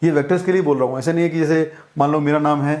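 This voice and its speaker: A male physics teacher with an Indian accent, lecturing in a fairly high voice. He walks through each point step by step and keeps checking that his listeners are with him. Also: rapid-fire, a little mellow. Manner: explains step by step, mixing English terms into Hindi, checks in often. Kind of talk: classroom-style lecture.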